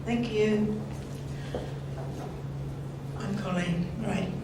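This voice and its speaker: An older woman delivers a scripted eulogy in a measured, gently wry way. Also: medium pitch, steady tone. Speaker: eulogist at a family memorial. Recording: very echoey hall, distant mic, noisy.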